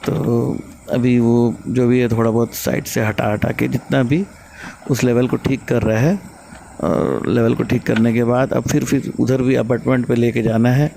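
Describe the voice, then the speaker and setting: A man's voice: mid-range voice, moderate pace, creaky, slight background noise. A man casually narrating a vlog as he walks around a construction site, explaining the machine work. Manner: relaxed, explanatory, chatty. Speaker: vlogger showing construction work.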